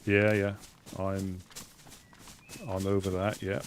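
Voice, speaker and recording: A man with a Suffolk accent talks casually to his live stream as he plays. His voice sits low, and he rambles, hesitating and breaking off mid-sentence. Light noise runs behind him. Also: completely flat delivery, slow. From Suffolk, England.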